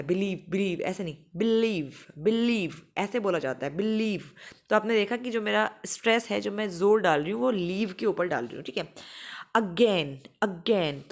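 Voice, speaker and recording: A woman teaching an exam-prep lesson on word stress in Hindi, repeating example words slowly. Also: mid-range voice.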